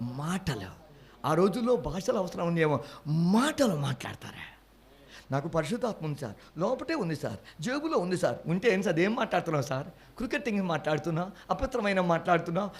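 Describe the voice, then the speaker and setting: An older man preaching a sermon, telling stories quietly, then rising to loud, high exhortation, with English words mixed in. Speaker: pastor.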